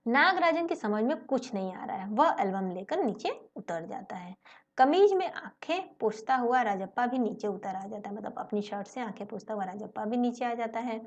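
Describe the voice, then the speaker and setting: Woman teacher, story lesson, paraphrasing with rhetorical questions, slightly high voice, muffled lo-fi. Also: lively intonation, normal speed. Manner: retells each line, then paraphrases it and asks rhetorical questions. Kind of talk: Hindi lesson explaining a story.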